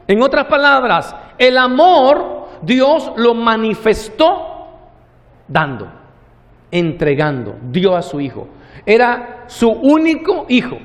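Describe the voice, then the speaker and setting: A man preaching a sermon as pastor, slowing down on key words and acting out the characters' lines in a story. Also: high voice, long reverb tail. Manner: preaching with long slow pauses, acting out the parable's dialogue.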